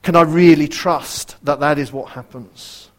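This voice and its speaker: A man delivers a sermon in a slightly higher than average voice. He speaks earnestly and puts direct questions to his listeners. His volume swings widely, sinking to a near whisper for quoted verses. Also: steady tone, measured pace, a little hiss or hum. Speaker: preacher.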